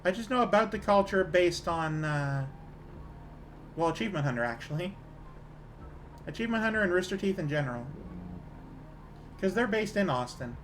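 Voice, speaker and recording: A woman's voice: fairly low pitch, animated, moderate pace, pauses often, a little hiss or hum. A woman with a Canadian accent, chatting casually with her viewers while gaming, rambling with fillers and small laughs. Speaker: streamer.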